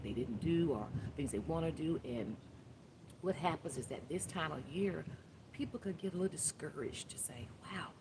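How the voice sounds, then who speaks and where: A woman in her fifties gives a casual, rambling inspirational talk as a life coach, with asides and restarts, speaking outdoors in the wind. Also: low-pitched. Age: 50s. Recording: noisy outdoor recording with wind.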